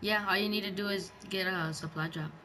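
A man's voice: high voice, fairly even intonation, brisk, pushed and bright, low-quality recording. A male gaming video host giving casual gameplay commentary with slangy, bro-heavy talk. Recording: background game noise.

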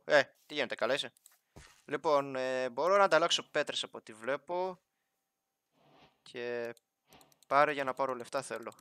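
Bright-voiced man joking through a game. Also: mid-range voice, clear, resonant tone. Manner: chatty, joking, talks to villagers and animals in the game. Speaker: gaming YouTuber. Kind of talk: casual Minecraft let's play commentary.

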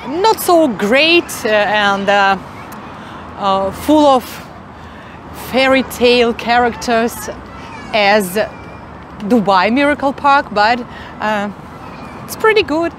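A woman in her forties with a Russian accent, a travel vlogger chatting enthusiastically, with many fillers and pauses, filming on a phone outdoors. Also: on the high side, animated, slight background noise. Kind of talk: casual travel vlog narration. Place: outdoors in a city and inside a large mosque.

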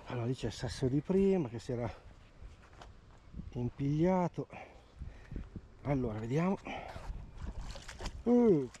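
Excitable man vlogging by a river. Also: a little high, slight background noise. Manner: excited, repeats words while pointing out finds. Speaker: magnet fishing vlogger. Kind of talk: casual outdoor vlog commentary. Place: outdoors by a river.

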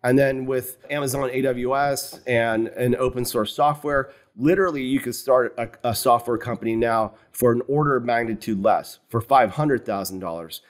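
The voice belongs to a fifties-aged man from the US who founded a fund. Appearing as a guest in a conversational interview, he recounts his career calmly at a medium pitch, leaning on "you know," with sound from a webcam in a home office furnished with wooden cabinets.

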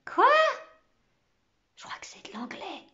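A woman's voice: fairly high pitch, lively intonation, unhurried, muffled recording. A woman voicing a timid little schoolboy who whispers.

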